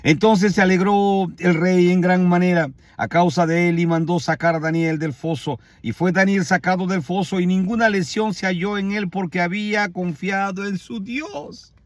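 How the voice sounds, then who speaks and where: Emphatic male preacher, slightly high voice. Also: steady tone, moderate pace, hardly any pauses, no echo. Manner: emphatic, repetitive, with rhetorical questions. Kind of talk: sermon retelling a scripture story.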